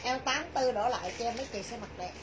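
A middle-aged woman with a southern Vietnamese accent giving a chatty, repetitive live sales pitch to viewers from a small clothing shop. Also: fast talker. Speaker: clothing shop livestream seller. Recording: noisy shop livestream, clear background noise.

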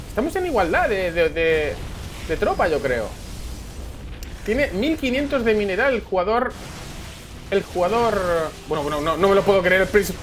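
A woman with a Spain Spanish accent giving excited game commentary, repeating phrases and bursting into shouts, with music behind her. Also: on the high side, noisy background. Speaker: esports caster.

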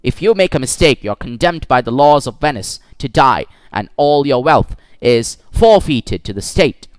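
A man voicing a sharp young lady lawyer. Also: mid-range voice, lively intonation, clear, resonant tone, no echo, natural voice. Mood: stern. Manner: firm, measured courtroom pleading. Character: clever young woman lawyer in disguise.

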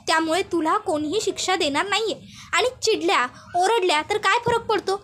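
A woman voicing a young sister-in-law who scolds and reassures firmly, in a very high voice. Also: a bit bright.

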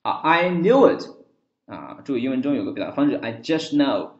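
A male English teacher giving a language lesson on a dialogue, repeating phrases slowly to demonstrate them. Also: medium pitch, sing-song. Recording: roomy, dull lo-fi.

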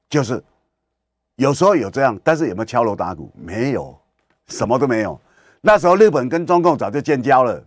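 A man's voice: fairly low pitch, no echo. A man hosting political commentary on the radio, lecturing emphatically and firing rhetorical questions at his listeners. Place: radio studio.

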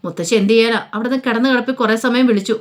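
A woman narrating a dramatic story in a casual, colloquial way. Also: a little high. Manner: rapid, casual retelling.

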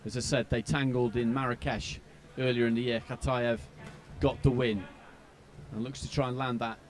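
A man giving live boxing commentary in conversational, analytical, measured phrases. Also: medium pitch, little pitch movement.

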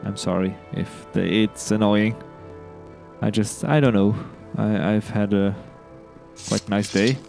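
A giddy, upbeat man rambles through his own gameplay in a casual let's play. His voice sits low, and he often restarts his sentences and trips over his words. Faint game music plays underneath. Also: steady tone, slow, vocal fry, a little mellow.

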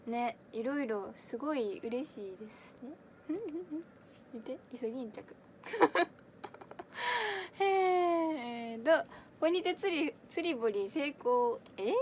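A bright, high-pitched young woman in her twenties speaks with a strong Kansai accent. She chats on a livestream in a giggly, rambling way, answering viewer comments one after another close to the mic. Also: a little hiss or hum. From Kansai, Japan. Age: 20s. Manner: chatty and giggly, many fillers, answers comments as she reads them. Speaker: idol audition livestreamer. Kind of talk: casual livestream chat reading viewer comments.

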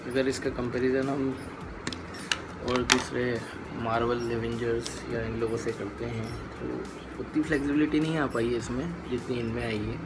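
A man giving a casual review of a collectible toy, talking unhurriedly with many "uh" pauses and English words mixed into his Hindi. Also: mid-range voice, level tone, very noisy.

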